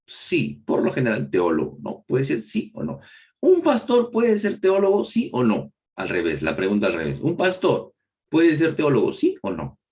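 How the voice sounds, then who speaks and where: Male Bible course teacher with a swinging, animated pitch. He quizzes the class with questions he answers himself and repeats points for emphasis. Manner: asks rhetorical questions and answers them himself; repeats key phrases for emphasis. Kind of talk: recorded Bible lesson.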